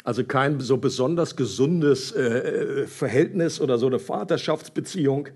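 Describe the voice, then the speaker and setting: A man reading a Bible story aloud and commenting on it in a conversational, animated way with hesitations. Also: medium pitch, moderate pace, husky.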